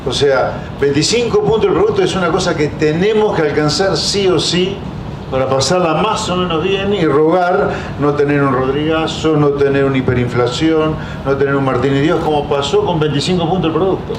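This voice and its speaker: A man's voice: fairly high pitch, brisk. A man with an Argentine accent giving explanatory economic commentary as a panel speaker. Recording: echoey room, clearly noisy background.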